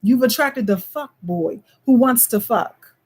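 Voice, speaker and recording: A woman with a slightly high voice and talks in a loose, chatty monologue. She keeps checking in with her listeners and now and then slips into a put-on Caribbean lilt. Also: expressive, a little slow, darkish tone, husky. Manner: loose and conversational, frequent "you know what I'm saying". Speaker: vlogger. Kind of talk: casual monologue.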